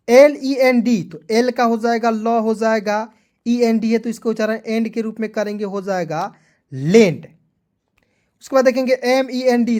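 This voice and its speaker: A man's voice: high voice, a little mellow. Man drilling phonics, chatty and repetitive. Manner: repetitive, spells letters out and drills, asks "clear?". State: sweating in the heat. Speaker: English teacher. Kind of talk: Hindi-language phonics lesson.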